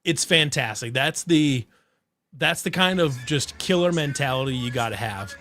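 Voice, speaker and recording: A man hosting a casual sports podcast, rambling through restarts and fillers, excitable and swearing freely. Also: medium pitch, moderate pace. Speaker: podcast host.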